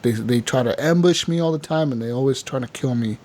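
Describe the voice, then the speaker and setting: A man co-hosting a casual gaming podcast, telling animated stories full of swearing and constant filler words. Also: mid-range voice, brisk. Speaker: podcast co-host.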